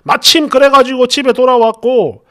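A man's voice: very high-pitched, steady tone, moderate pace, sharp tone. A man narrating a viewer's submitted story in the first person, in a casual, chatty retelling style with conversational fillers.

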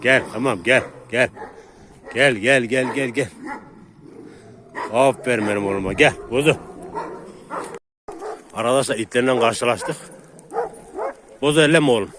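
A man's voice: medium pitch, fairly even intonation, measured pace, long pauses. Man vlogging outdoors, calling his dogs. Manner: talks to viewers between calls and commands to his dogs. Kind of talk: casual vlog to viewers. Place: outdoors on a walk. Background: dogs barking and outdoor noise.

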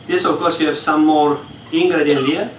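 A little high in pitch and fairly even in intonation, this executive chef moves at a moderate pace while demonstrating a dish live on stage in a ship's large hall. He explains each step to the audience in slightly broken English. The distant recording of the echoey hall has a little hiss or hum.

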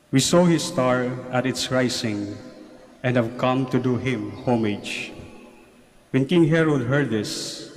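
A man's mid-pitched voice gives a solemn Gospel reading as a priest at Mass. The delivery is formal and measured, and long cathedral echo trails the words in a large church. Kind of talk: solemn liturgical scripture reading.

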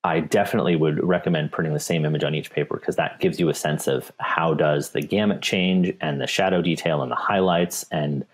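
A man's voice: a bass voice, fairly even intonation, brisk, hardly any pauses, breathy edge. A man, a technical specialist, answering viewer questions in a webinar, with frequent repeats and restarts. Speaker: paper company technical specialist.

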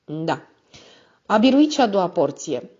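A woman reading a novel aloud as a steady, measured first-person narrator. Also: fairly low pitch, husky. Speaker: audiobook narrator. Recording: slightly muffled recording.

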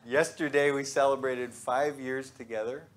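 A man's voice: medium pitch, fairly even intonation, slight background noise. A man in his thirties, a pastor giving a conversational, joking sermon in a church sanctuary. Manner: conversational and joking, with pauses and restarts.

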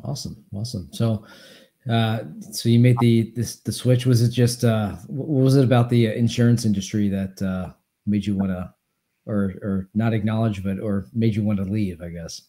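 A male host in his forties runs a casual video-call interview from a home office. His voice is very dark and warm, with a roomy echo around it. He rambles and restarts phrases as he asks questions. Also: fairly low pitch, steady tone, normal speed. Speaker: podcast host. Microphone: video call webcam. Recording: echoey room over video call.

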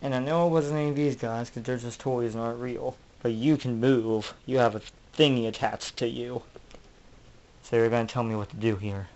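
A man's voice: medium pitch, fairly even intonation, moderate pace, darkish tone. A man hosting his own channel, acting out a melodramatic mock-detective comedy skit in which he questions his toys. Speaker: channel host.

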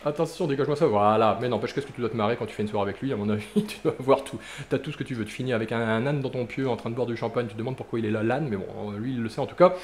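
A young man talks fast and excitably over his football game, joking and cheering his players on. His voice rings in an echoey room. A faint background hiss sits under it. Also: medium pitch. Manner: jokey, excitable, chatty, with playful silly noises. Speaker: gaming YouTuber. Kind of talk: live gameplay commentary.

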